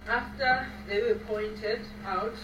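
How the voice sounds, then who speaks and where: A woman's voice: a little high, fairly even intonation, slow pace. A woman working as a court interpreter, voicing a witness's testimony into English phrase by phrase in a courtroom. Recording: echoey courtroom feed from a distant mic, noisy.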